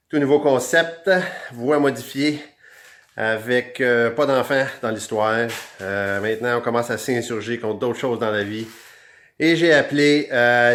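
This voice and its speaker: Here a man hosts a do-it-yourself segment through an electronic voice changer, and his Québécois accent still comes through it. He talks at an even, middle pitch, in a loose, chatty way straight to his viewers. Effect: electronically altered voice. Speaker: DIY show host. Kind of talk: casual how-to explanation.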